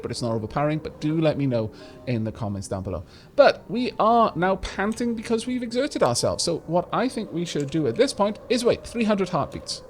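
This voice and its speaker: A man with a slight rumble in his voice hosts a let's play, offering casual gameplay commentary. He's chatty and explanatory about the game mechanics, with frequent restarts and fillers.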